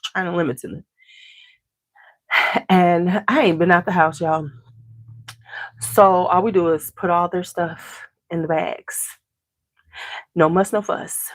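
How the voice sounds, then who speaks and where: Greeting her at-home viewers by name, a congested woman runs her beauty channel with easy, casual live chat. Her pitch is fairly low, the recording is dry, and she hails from the Chicago area.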